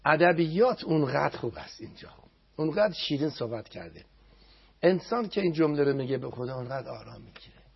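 A man giving a televised religious talk, speaking emphatically and chanting prayers slowly with repetition. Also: on the high side, expressive, vocal fry, husky, lo-fi sound.

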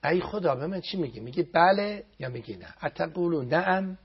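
A man giving a televised religious talk, speaking emphatically and chanting prayers slowly with repetition. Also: on the high side, very animated, slightly rough, highs cut off.

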